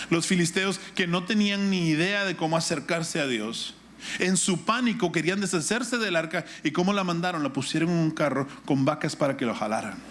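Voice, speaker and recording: The speaker is a middle-aged man with a Guatemalan Spanish accent and a fairly high, somewhat bright voice, preaching in an instructive way. Rhetorical questions and repetition run through a sermon that includes Bible reading and a personal anecdote.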